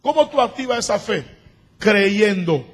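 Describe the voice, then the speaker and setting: A man with a very high-pitched voice preaches a sermon as a pastor. He moves from calm explanation into shouted, emphatic declarations. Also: measured pace. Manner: preaching, rising to shouts at times.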